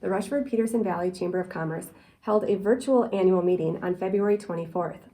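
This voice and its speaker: A woman's voice: on the low side, a little fast, warm tone, rough recording. A woman presenting scripted local community news.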